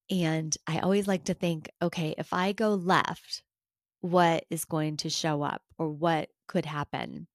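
A woman's voice: lowish voice, dry recording, studio quality. A woman hosting a solo podcast, talking earnestly and encouragingly and asking her listeners questions. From United States. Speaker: podcast host. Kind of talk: reflective solo podcast talk.

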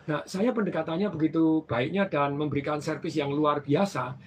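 A man telling stories from his banking career in casual conversation, animated and acting out the people in them. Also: a little high, normal speed, breathy edge. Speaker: former bank branch manager.

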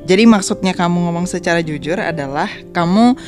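A woman's voice: fairly low pitch, a little fast, a little mellow, faint music behind. A woman co-hosting a casual podcast about relationships, conversational and full of fillers. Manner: conversational, lots of fillers and agreement. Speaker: podcast co-host.

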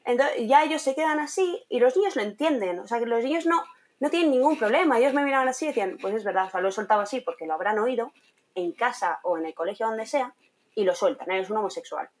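Speaking fast in a fairly high voice, a young woman who creates content and is training to teach tells an animated story in a relaxed interview. She laughs a lot and mimics the people she quotes.

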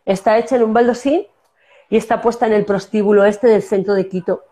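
A La Mancha-accented actress from Castilla-La Mancha, Spain, appears as an interview guest telling stories casually, with many restarts and fillers. Her voice is medium-pitched, steady and mellow, and she talks a little fast.

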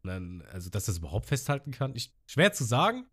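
A man hosting a podcast, casually recapping an episode in animated fashion and acting out characters. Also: mid-range voice, fast talker, breathy edge. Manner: animated retelling, acting out characters, laughs a lot. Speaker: podcast host.

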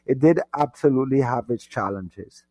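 A man's voice: mid-range voice, lively intonation, normal speed, dark tone. A man from Trinidad and Tobago, a guest in an interview, talking reflectively about growing up. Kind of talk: conversational interview.

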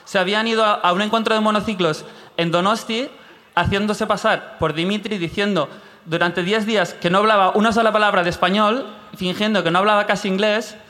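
A man telling a rambling funny story on a live comedy podcast, acting out his own thoughts as he goes. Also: high-pitched. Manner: fast, animated storytelling with quoted asides. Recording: live venue with long reverb.

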